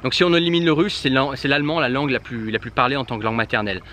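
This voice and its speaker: Talking fast with a steady, slightly bright mid-pitched tone, a Germanic-native man offers casual language-learning tips straight to the viewer. He's informal and full of fillers and restarts, and there's slight background noise.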